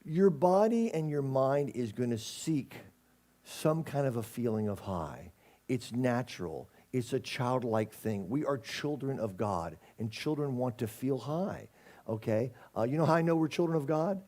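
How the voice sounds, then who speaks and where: A man's voice: mid-range voice, expressive, a little slow, warm tone. A man giving a casual sermon as a spiritual community minister, folksy and conversational with plenty of jokes.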